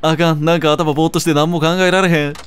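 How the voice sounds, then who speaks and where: A man voicing a gentle, easygoing male comedian in a put-on Kansai dialect. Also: on the high side, little pitch movement, fast talker, slight background noise, natural voice. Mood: dazed.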